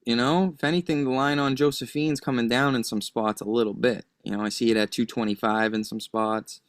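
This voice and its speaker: A man talking as a betting analyst on a podcast, defending his picks with a string of "I think" asides. His voice has an ordinary middle pitch. It comes across close and dry, with no room sound. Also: fairly even intonation, brisk, dry recording. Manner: hedging, argues his picks with lots of "I think". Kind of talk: casual chat.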